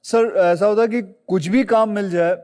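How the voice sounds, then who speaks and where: A middle-aged man as a chat show guest, telling a story with animated energy that climbs higher as he gets excited. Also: moderate pace, long reverb tail. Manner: animated storyteller, rising high when excited.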